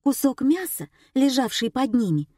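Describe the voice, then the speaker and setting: A woman reading a comic novel aloud as narrator, expressive and wry. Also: sits high, normal speed, no room sound, studio quality. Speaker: audiobook reader. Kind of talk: scripted narration.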